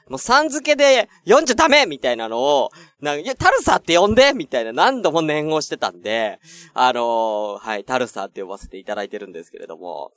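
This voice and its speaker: A man hosting a podcast, telling a personal story in loose, filler-heavy chat and acting out the other people's lines. His voice sits a bit high and swings widely in pitch. The recording is dry and close, with no room sound. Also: fairly bright tone, no echo. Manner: chatty storytelling, many fillers, acts out quoted exchanges. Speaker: podcast host.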